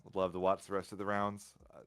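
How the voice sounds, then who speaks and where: A man's voice: low-pitched, monotone, fast talker, a bit bright, smooth. A man co-commentating a tournament stream from another time zone, chatty and rambling, with frequent restarts. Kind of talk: casual stream commentary chat.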